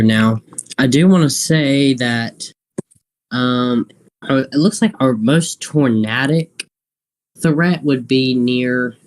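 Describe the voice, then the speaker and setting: A man hosting an unscripted live weather stream, thinking aloud in a halting, repetitive way. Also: medium pitch, low-quality recording.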